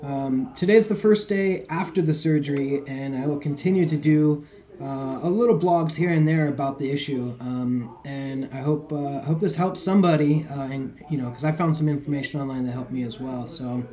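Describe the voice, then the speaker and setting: A man giving an unscripted video diary as a patient, talking in a halting, groggy, medicated-sounding way. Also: fairly high pitch, warm tone. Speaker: patient recording a recovery vlog.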